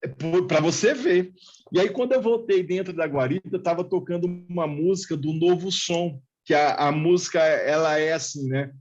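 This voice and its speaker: A man's voice: a little high, moderate pace, darkish tone. A middle-aged man, a pastor, telling his personal testimony in a live chat and acting out the dialogue as he goes. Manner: vivid storytelling, acting out quoted dialogue. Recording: dull lo-fi live-stream audio.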